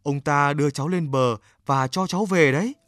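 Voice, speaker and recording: A man's voice: on the high side, fairly quick, fairly bright tone, no echo, clean studio sound, lightly acted. A man voicing a homesick young Eskimo boy with a raised, eager, pleading voice in a storybook reading.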